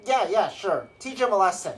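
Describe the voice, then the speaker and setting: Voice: mid-range voice, sing-song, moderate pace, voice pushed up, natural voice. A man voicing a bossy, threatening spine devil guard. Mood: menacing.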